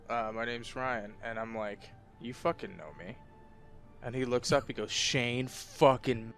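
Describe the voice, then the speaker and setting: A man's voice: medium pitch, a bit bright. A young man co-hosting a casual podcast, telling rambling, profane stories. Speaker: podcast co-host. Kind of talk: casual chat.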